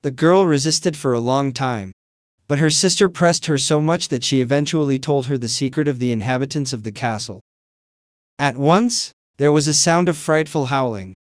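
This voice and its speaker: A man narrating a fairy tale in a calm, measured way. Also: medium pitch, no echo, clean studio sound. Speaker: storyteller.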